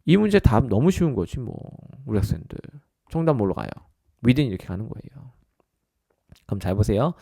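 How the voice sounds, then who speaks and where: A man's voice: mid-range voice, sing-song, a little fast, creaky, warm tone, no echo, clean studio sound. A man teaching as a test-prep instructor in a recorded lecture, often addressing his listeners as his students and checking in with short tag questions.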